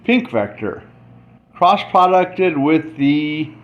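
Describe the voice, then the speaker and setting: Here a man explains math casually, demonstrating as he goes and thinking out loud in brief, halting phrases. He sounds animated, with a fairly high pitch and a slow delivery. The audio comes from a dull, lo-fi microphone with a little background noise.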